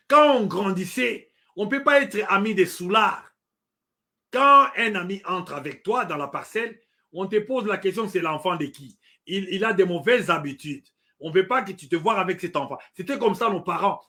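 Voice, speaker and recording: A high voice with a sharp tone belongs to a middle-aged man from the DR Congo who speaks with a Congolese French accent. He is giving fervent political commentary. He is emphatic, goes over the same points again and again, and uses hesitant fillers.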